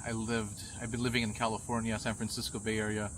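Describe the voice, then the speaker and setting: A middle-aged man from Pakistan who grew up in the United States, answering a street interview thoughtfully with many pauses. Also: lowish voice, level tone, background noise. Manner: thoughtful, measured, frequent "uh" pauses. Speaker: interviewee, visiting tourist father.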